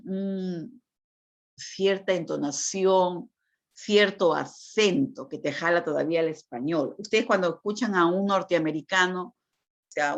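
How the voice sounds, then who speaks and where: A woman teacher giving a lecture on communication, explaining patiently and checking in with frequent tag questions. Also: fairly low pitch. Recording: dull lo-fi recording.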